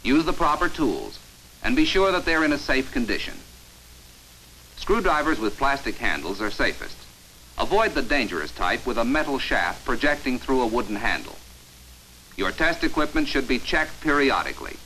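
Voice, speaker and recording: An American man narrates a scripted 1950s training film in an authoritative, measured, emphatic announcer style. His medium-pitched voice is bright and forceful, and the poor old soundtrack carries slight background noise.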